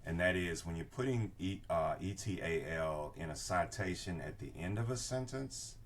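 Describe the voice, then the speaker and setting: A man's voice: low voice, lively intonation, moderate pace, a little hiss or hum. An older man giving an informal tutorial as an instructor, explaining and often checking that listeners follow. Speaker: research class instructor. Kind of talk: informal screen-share tutorial. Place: indoor room with bookshelves, video inset.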